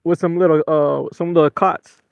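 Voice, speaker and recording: An excitable man with a high voice chats and jokes his way through a fishing live stream, laughing often. The sound is dry and close but a little dull and lo-fi. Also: moderate pace, creaky, dry recording. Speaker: fishing livestream host. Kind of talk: casual live-stream chat. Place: outdoors on a boat at sea.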